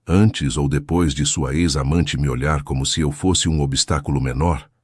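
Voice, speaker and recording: A man's voice: very deep voice, fairly even intonation, moderate pace, husky, dry recording, studio quality. A man voicing a hurt, guarded young wife who speaks in a bitter, accusing way.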